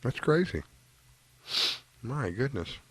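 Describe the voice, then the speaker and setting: A man's voice: medium pitch, big pitch swings, slow pace, no room sound. A man hosting a talk radio fishing show, chatting casually and reacting with frequent enthusiastic exclamations.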